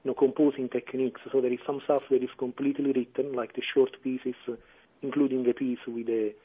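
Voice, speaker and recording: A man talks about his clarinet work in a radio interview. He speaks in a flat, even tone and keeps pausing on fillers and restarting his phrases. The sound is narrow and tinny, like a phone line. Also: mid-range voice, slight background noise. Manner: hesitant, many fillers and restarts. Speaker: clarinetist and composer guest.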